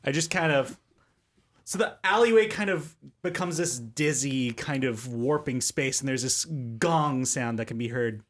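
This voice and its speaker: A man's voice: mid-range voice, measured pace. A man playing a tabletop game, chatting casually and carefully explaining the rules of his spells. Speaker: player.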